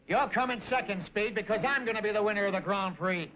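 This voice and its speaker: Cocky cartoon rival voiced by a man, high and quick, taunting; dull noisy old dub. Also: close to an everyday voice. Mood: boastful. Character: boastful male rival racer.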